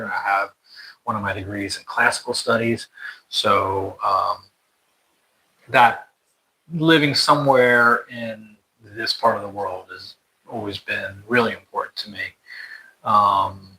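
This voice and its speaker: A young American man, interviewed casually, talks about moving abroad, rambling with many fillers and restarts. His voice is on the low side with a sharp tone, and the recording is rough.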